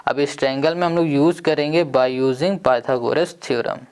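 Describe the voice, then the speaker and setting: A man's voice: medium pitch, unhurried, darkish tone, smooth. A man teaching a maths lesson online, working through each step aloud and asking his students questions as he goes. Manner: talks through steps, asks students questions.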